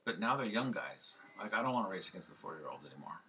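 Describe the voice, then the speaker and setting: Man, 50s, podcast co-host; sharp, bright tone, rambling, excitable. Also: low-pitched, fast. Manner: rambling, excitable, loud when enthused. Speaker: podcast co-host and race organizer. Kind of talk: casual podcast chat.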